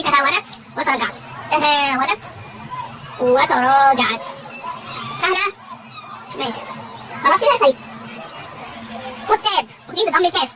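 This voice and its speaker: A woman teacher with an Egyptian Arabic accent drills vocabulary with a class, asking each question again and again and having the class answer back. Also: sits high. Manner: repetitive call-and-response questioning. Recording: loud crowd and background noise.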